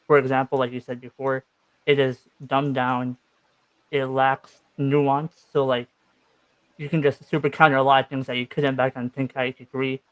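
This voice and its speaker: A man's voice: mid-range voice, little pitch movement, normal speed, clear, resonant tone, no room sound, rough recording. A man speaking with braces in his mouth, giving his view casually as a guest in a gaming debate.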